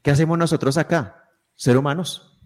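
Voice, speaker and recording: A man's voice: on the high side, moderate pace. A man speaking as a guest in a podcast conversation, explaining ideas reflectively with frequent restarts.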